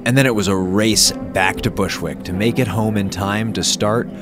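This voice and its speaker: A man narrates his vlog as host. His voice is on the low side. Music plays clearly behind him. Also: normal speed.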